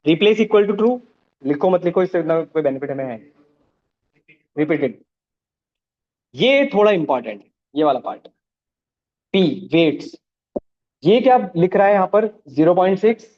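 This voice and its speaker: A man with a fairly high voice teaches a live coding class. He walks through each step and keeps checking that his students follow. The recording sounds dull and lo-fi. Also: lively intonation, normal speed, pauses often. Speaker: programming teacher.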